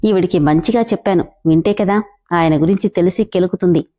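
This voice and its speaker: Brief: a woman reading as a cheeky male office assistant, quick and joking, mellow tone. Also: fairly low pitch, natural voice. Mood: teasing.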